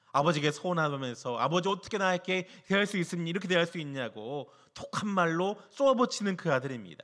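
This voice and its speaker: A pastor preaching a sermon in church, putting questions to the congregation and swinging between emphatic rises and hushed, low passages. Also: male voice. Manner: poses rhetorical questions to the congregation.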